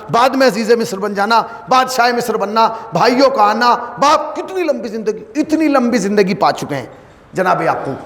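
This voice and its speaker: A man's voice: sits high, fairly bright tone. A male cleric from northern India delivering a sermon at a mourning gathering, telling a story with animation and firing rhetorical questions at the audience. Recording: long hall reverb, faint noise.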